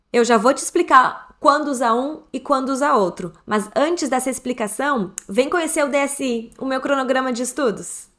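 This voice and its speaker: Brazilian woman teaching english online, kinda high voice, slows way down on the example phrases. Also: fairly bright tone. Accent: Brazilian Portuguese. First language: Portuguese. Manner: explains step by step, slows to model English phrases for repeating. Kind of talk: online language lesson.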